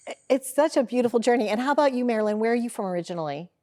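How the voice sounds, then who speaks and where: A talk show host from St. Louis, Missouri, speaks very fast in a mellow, expressive voice on the high side. In this casual interview she gushes over her guests, asking questions effusively.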